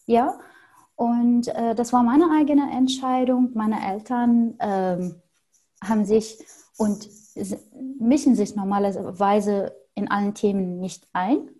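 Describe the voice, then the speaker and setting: Woman from Syria, late twenties, warm mellow tone, hesitant, thoughtful. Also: a little high, fairly even intonation, takes it slowly. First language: Arabic. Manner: thoughtful, hesitant with frequent fillers. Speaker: interview guest. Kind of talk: conversational interview.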